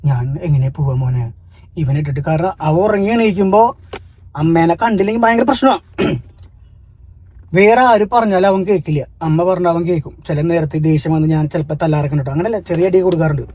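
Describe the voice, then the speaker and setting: A Malayali family vlogger speaks in a high, rapid voice with a dark, mellow tone. He tells a story earnestly, then turns sharp and scolding toward commenters. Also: slight background noise. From Kerala, India. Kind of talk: casual vlog talk to viewers.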